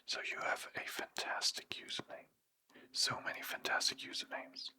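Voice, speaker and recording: An ASMR creator softly whispering thanks to supporters late at night, sleepy, with casual slang and rambling asides. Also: normal speed.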